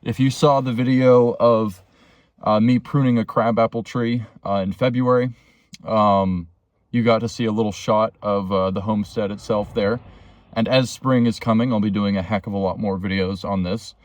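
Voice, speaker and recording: A man's voice: fairly low pitch, fairly even intonation, normal speed, dry recording. A man vlogging a rambling, earnest self-help reflection while waiting beside a road for a tow truck, with frequent fillers.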